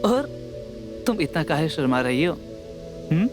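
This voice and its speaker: An actor playing a young village husband, teasing and fond, then urgent when trouble comes. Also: male voice, on the high side, sing-song, measured pace, over music. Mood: affectionate. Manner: teasing, repeats filler tags. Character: doting young village husband, protective son. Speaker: young husband, elder son.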